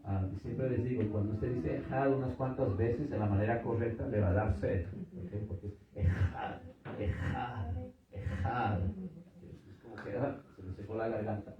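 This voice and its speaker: A man's voice: on the low side, steady tone, fairly quick, few pauses. A middle-aged man teaching a church seminar, patiently repeating words and checking in with his listeners. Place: church hall with audience. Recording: echoey hall from far off, dull.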